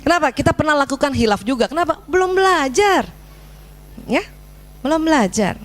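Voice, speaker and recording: A woman's voice: high voice, quick pace. A middle-aged woman giving a religious parenting lecture, telling stories and acting out dialogue with her child. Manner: animated storytelling with acted-out dialogue.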